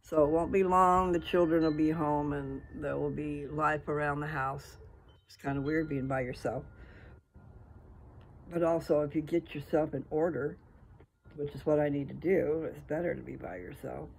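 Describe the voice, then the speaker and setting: A man's voice: on the high side, little pitch movement, moderate pace, creaky, darkish tone, a little hiss or hum, low-quality recording. A man talking in a casual, folksy, rambling way, thinking aloud as if to someone he knows. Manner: folksy, informal, thinking aloud with trailing asides.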